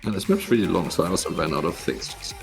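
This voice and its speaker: A very low, creaky male voice with a cave-like echo from an empty meeting room. He hosts a gaming showcase with casual, informal live commentary, his pitch moving around a lot. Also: animated, rapid-fire. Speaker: host of a tournament mappool showcase. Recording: echoey empty room, music behind.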